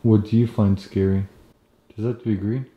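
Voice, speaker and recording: A man's voice: lowish voice, level tone, a little fast, dull audio. A young man co-hosting a casual vlog, dropping dry, teasing one-liners. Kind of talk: casual chat.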